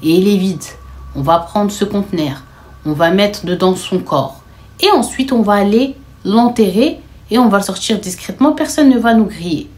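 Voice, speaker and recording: A woman voicing a cold, scheming eldest sister who lays out plans in a calm, hushed, matter-of-fact way. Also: mid-range voice, normal speed, lightly acted.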